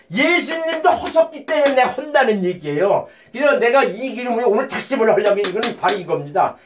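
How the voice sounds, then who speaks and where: A man delivers an informal sermon in a notably high voice for a man. He talks bluntly and swears freely. His steady talk keeps breaking into sudden, emphatic outbursts. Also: slight background noise. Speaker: lay preacher.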